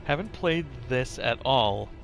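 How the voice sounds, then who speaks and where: A man's voice: medium pitch, animated, measured pace, gravelly, fairly bright tone. A man doing casual live game-stream commentary, chatting and thinking aloud as he plays. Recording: music behind the voice. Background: music.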